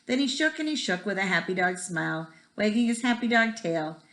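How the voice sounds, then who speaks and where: A woman reads a children's picture book aloud with expression, her rhythmic delivery stretching out repeated words. Her mid-range voice swings widely in pitch, moves a little fast and has a fairly bright tone. The room is echoey.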